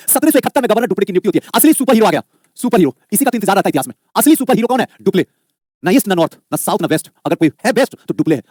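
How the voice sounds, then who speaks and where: Guy teaching history online, talks super fast, bouncy high voice, calls everyone babu. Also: no room sound, clean studio sound. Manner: fast, lively, repeats questions and answers them himself; coaxing, calls students "babu". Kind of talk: live online exam-prep lecture.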